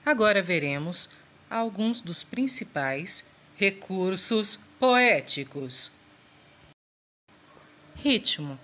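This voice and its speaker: A woman's voice: medium pitch, expressive, drawn-out words, pauses often, fairly bright tone. A woman literature teacher explaining a lesson patiently and speaking to students directly. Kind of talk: recorded lesson.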